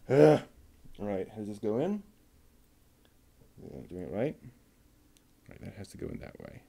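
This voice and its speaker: The man's lowish voice is creaky, husky and warm, swinging widely in pitch at a normal speed. He's a show host talking to himself while putting together a model kit, reading part numbers aloud in casual commentary.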